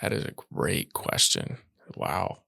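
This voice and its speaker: Gravelly low-voiced man, relaxed guest. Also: takes it slowly, no echo, clean studio sound. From Iowa, USA. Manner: relaxed, chatty, laughs easily. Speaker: podcast guest, video production business owner. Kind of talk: casual interview conversation.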